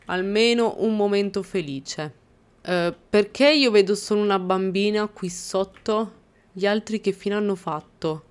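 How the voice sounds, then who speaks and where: A woman's voice: mid-range voice, a little slow, clear, resonant tone. A young woman hosting a casual let's-play, talking over her game and scolding the characters with mock exasperation. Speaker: gaming channel host.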